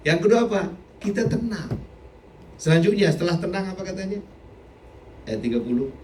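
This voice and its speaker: A middle-aged man preaching a sermon as a pastor, animated, sometimes shouting and often laughing. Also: high voice, fairly quick, slight background noise. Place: church hall. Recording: echoey church hall, mic from a distance.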